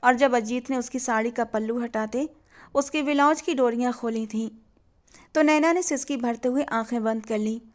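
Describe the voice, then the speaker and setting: A woman narrating a scripted family story in a steady, expressive reading voice. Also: on the high side, moderate pace.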